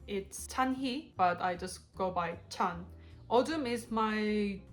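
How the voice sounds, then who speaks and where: A young adult South Korean woman with a Korean accent co-hosts a couple channel, chatting bluntly and laughing often in a casual Q&A video. Her medium-pitched voice takes things slowly, with faint music in the background.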